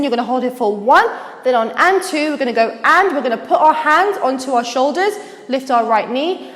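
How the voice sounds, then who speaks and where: A woman's voice: high-pitched, roomy sound, in a large hall. A woman teaching a dance routine step by step, explaining each move and counting the beats aloud as she demonstrates. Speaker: dance instructor.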